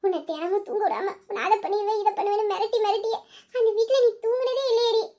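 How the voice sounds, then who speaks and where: A woman's voice: very high-pitched, fast talker, dark tone. A woman voicing an indignant young woman who scolds and curses her friend's cruel in-laws. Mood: pitying. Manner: scolding, cursing, heated. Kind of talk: Tamil audio story acting.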